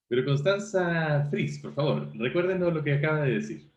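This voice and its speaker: A male teacher giving an online class, asking his students questions and checking their understanding as he goes. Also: on the high side. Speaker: university teacher. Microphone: video call. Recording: roomy, dull lo-fi call audio.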